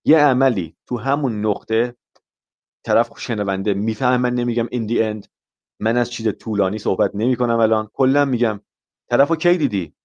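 A man's voice: mid-range voice, darkish tone, highs cut off. A man teaching an IELTS lesson in a live stream, explaining patiently with examples and switching between two languages. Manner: explains patiently with examples, mixing Persian and English. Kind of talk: live online English lesson.

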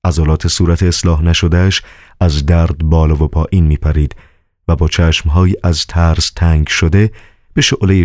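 A man narrating a novel as an audiobook in a measured, calm way. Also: deep voice, dry recording, studio quality.

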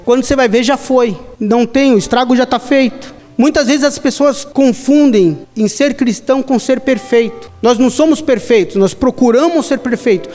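High-voiced Brazilian evangelist preaching. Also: male voice. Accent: Brazilian Portuguese. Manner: emphatic, repetitive, addresses listeners as "querido". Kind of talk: sermon. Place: church. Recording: church reverb, soft music behind.

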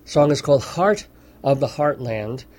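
A radio host speaks at normal speed in a medium-pitched, expressive, somewhat mellow voice from the studio. His casual on-air commentary takes a wry, mock-serious tone, and he slips in amused asides.

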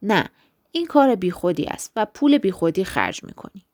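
A woman's voice: medium pitch, big pitch swings, a little mellow, dry recording, studio quality. A woman voicing a blunt, dismissive male tailor in a storybook reading. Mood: curt.

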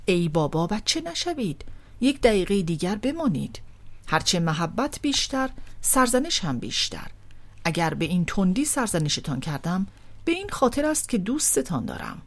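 A woman's voice: medium pitch, very animated. A woman reading an audiobook voices a haughty, volatile older aristocratic man who swings theatrically between scolding and tenderness. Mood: coaxing.

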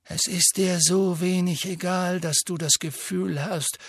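A man voicing a calm, gentle old male headmaster wizard who speaks softly and slowly. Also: high voice, breathy edge, dry recording, clean studio sound, voice pushed up, exaggerated voice. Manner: calm, soft, measured.

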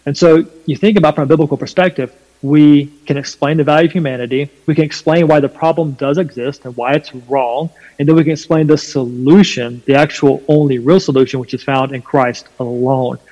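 A man with a Southern US accent and a slight twang, explaining his faith emphatically and deliberately in a preaching style during a conversation. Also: on the high side, steady tone, a little mellow, lo-fi sound. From North Carolina, USA. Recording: long hall reverb.

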